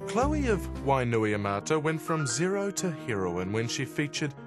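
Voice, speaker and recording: A man's voice: medium pitch, huge pitch swings, moderate pace, over music. A man giving wry, tongue-in-cheek scripted narration for a mock documentary.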